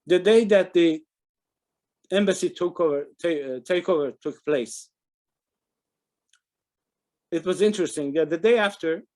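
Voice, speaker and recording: A man's voice: fairly high pitch, unhurried, long pauses, darkish tone. An older man from Iran, giving an earnest webinar talk as a panel speaker and recounting a memory, often restarting his phrases. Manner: earnest, with frequent restarts and fillers.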